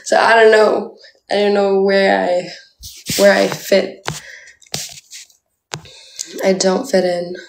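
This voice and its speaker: Filmed on an arm's-length phone in a small indoor room, a young woman from Canada chats playfully with her livestream viewers, full of "like" fillers. Her medium-pitched voice is gravelly and flat, slow-paced with long pauses. The room sounds echoey, with a little hiss or hum.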